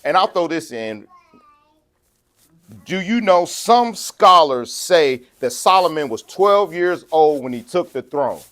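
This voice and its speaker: A man preaching a sermon, conversational, shifting between quiet asides and loud, slow scripture reading. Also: fairly high pitch, expressive. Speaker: pastor.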